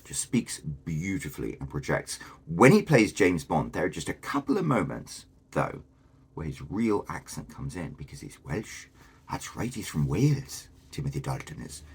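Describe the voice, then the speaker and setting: Brief: male video host, extremely deep and a bit husky, casual enthusiastic commentary. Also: very animated, moderate pace. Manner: chatty and enthusiastic, with many fillers.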